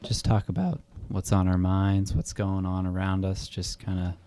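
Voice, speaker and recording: A young man hosting a college radio show, speaking in halting, hesitant phrases. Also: low voice, flat delivery, dark tone. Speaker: radio host. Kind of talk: casual radio chat.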